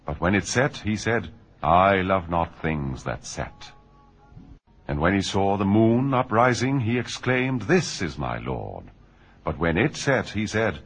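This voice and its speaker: A man reading a scripture translation aloud in a measured, solemn way. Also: lowish voice, fairly bright tone, husky. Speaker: reader.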